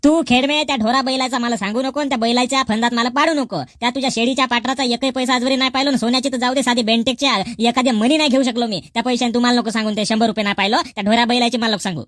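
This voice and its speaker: A woman's voice: a little high, fairly even intonation, racing, few pauses, dry recording, clean studio sound, natural voice. Woman as a defiant young daughter-in-law. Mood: resentful. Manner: argumentative, snapping back. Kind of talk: rural comedy skit.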